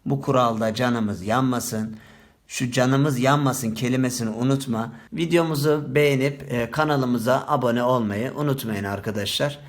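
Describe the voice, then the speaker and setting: A male teacher giving a spelling lesson, talking straight to his students and stretching key words slowly for emphasis. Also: medium pitch. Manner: addresses viewers directly, lively teacherly tone.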